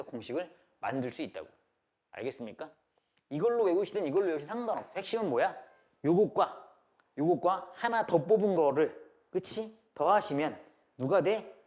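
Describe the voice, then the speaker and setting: A man's voice: on the high side, darkish tone. A man teaching a live math class, asking constant rhetorical questions and checking that students follow, blunt and casual. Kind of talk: classroom lecture.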